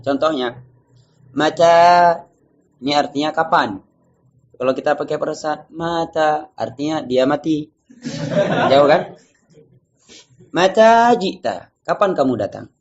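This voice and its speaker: A man's voice: medium pitch, muffled recording. Man teaching a class, drilling phrases. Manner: drills phrases slowly, students repeat. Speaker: Arabic teacher. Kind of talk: classroom lesson.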